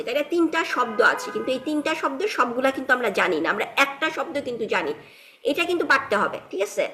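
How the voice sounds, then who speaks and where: Woman teaching arabic online, kinda high voice, keeps asking the class stuff. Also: bright, forceful tone. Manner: explains grammar step by step, asking students questions; mixes English words into her talk.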